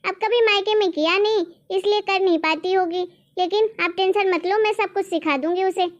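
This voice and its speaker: A woman playing a gentle, patient middle-aged mother-in-law who calmly defends her daughter-in-law, in a homemade family drama. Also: very high voice, normal speed. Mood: soothing. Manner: soothing, defending.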